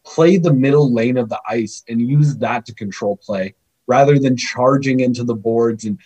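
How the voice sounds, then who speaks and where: Man, podcast guest; husky, middle pitch, animated and chatty. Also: moderate pace, rough recording. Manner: animated, laughs often, chatty. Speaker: scouting guest. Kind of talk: podcast interview.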